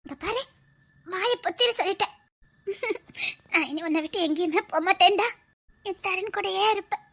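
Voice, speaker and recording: A woman playing a shrill, tearful young lover. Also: moderate pace, fairly bright tone. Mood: defiant. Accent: Tirunelveli Tamil. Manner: tearful, insistent, laughing through sobs. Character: devoted young woman clinging to her paralysed lover. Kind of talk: comedy skit acting.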